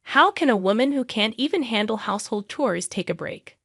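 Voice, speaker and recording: A woman's voice: a little high, animated, normal speed, a bit bright, no room sound, studio quality. A woman reading a scornful older mother-in-law. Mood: scolding. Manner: scolding, belittling.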